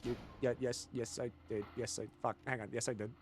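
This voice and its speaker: A man with a cold chatting casually while streaming a game, rambling and swearing, swinging from mumbled asides to loud jokey bits. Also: mid-range voice, little pitch movement, fairly quick, soft background music. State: has a cold. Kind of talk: casual gaming stream chat.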